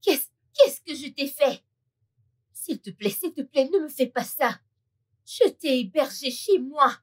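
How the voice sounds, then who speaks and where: A woman's voice: sits high, lively intonation, measured pace. A woman dubbing a wronged young woman in a French film dub, pleading and frantic.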